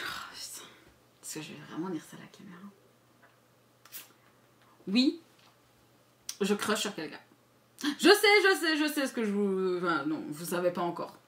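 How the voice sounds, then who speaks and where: A woman chatting candidly to camera in a casual vlog, crude and playful, jumping between loud remarks and mumbled asides. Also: fairly low pitch. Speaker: YouTuber.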